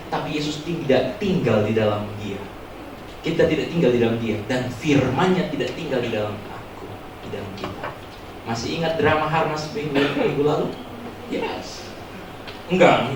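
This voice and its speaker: A man preaching a joking, animated youth sermon as pastor, acting out loud prayers, in a church hall recording heard from far off. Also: a little high, background noise.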